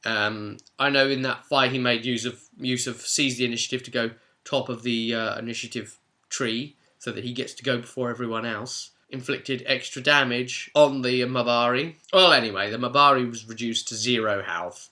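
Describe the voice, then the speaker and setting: Speaking at a moderate pace, a game master from Britain retells a tabletop role-playing session in a relaxed, lively recap. His mid-pitched voice comes across as bright and forceful.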